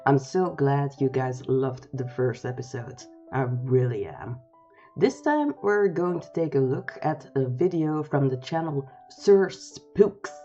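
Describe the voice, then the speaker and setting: Woman host, low voice, slow and chatty, slightly muffled lo-fi audio with music underneath. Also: lively intonation, warm tone. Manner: chatty, informal, with filler words. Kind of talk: casual reaction commentary.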